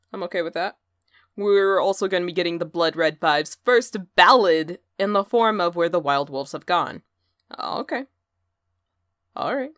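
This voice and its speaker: A woman hosts a scripted metal news podcast in a lowish voice, excitable and full of jokes, now and then cursing and breaking into loud bursts of enthusiasm. The audio is studio quality with no room sound.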